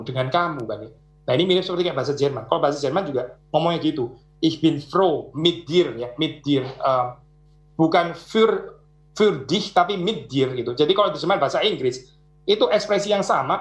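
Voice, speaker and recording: Man pastor, raised pitch, roomy echo. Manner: conversational, frequent "ya" fillers, explains with examples. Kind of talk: answering audience questions.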